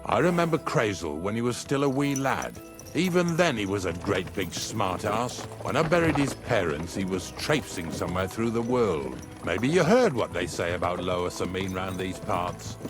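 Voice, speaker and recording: An actor playing a gruff, talkative older rustic wagon driver in a medieval video game, with a folksy, rambling manner. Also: male voice, sits low, big pitch swings, normal speed. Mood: chatty, grumbling. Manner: folksy, rambling, plain-spoken. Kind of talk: video game dialogue acting. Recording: music behind the voice.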